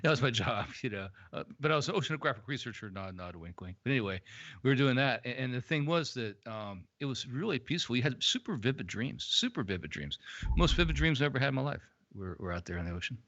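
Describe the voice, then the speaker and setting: A man's voice: mid-range voice, lively intonation, fast talker, fairly bright tone, no room sound, dull audio. A man, a guest in a casual live-stream chat, telling rambling stories in a boxy, tin-can sound like he is inside a metal tank. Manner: rambling, reminiscing storyteller.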